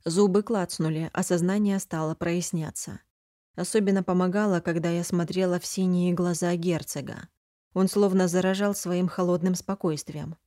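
A woman narrating a first-person audiobook in a calm, even reading manner. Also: lowish voice, moderate pace, no echo, clean studio sound.

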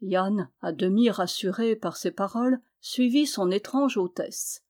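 A woman's voice: mid-range voice, measured pace, darkish tone. Woman reading a folk tale aloud. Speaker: storyteller.

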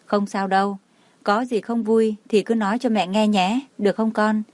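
A woman reading the lines of a gentle, patient young mother in an audiobook, in a soft, soothing way. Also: medium pitch, fairly even intonation, moderate pace, dry recording, natural voice.

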